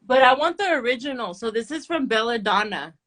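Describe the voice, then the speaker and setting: A woman, a nail artist chatting candidly as an interview guest, relaxed and full of "like" and "um". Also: a little high, fairly quick. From Orange County, California. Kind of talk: casual interview chat.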